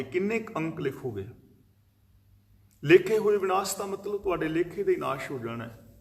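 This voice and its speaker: A man with a fairly high voice delivers a religious discourse. He explains verses patiently and recites long lists of words in a steady flow. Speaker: preacher giving scripture commentary.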